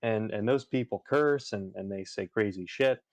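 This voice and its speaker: A man's voice: on the low side, normal speed, no room sound. A man chatting casually on a livestream, rambling with lots of fillers and restarts. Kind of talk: casual chat while gaming on a livestream.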